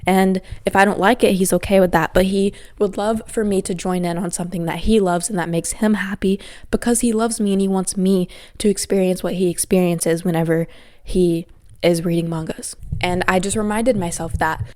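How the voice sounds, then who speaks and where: A young woman hosts her own podcast, speaking candidly and gently as she offers advice. Her voice sits a little on the low side. She sounds reflective and unhurried. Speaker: podcast host. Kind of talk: personal advice talk.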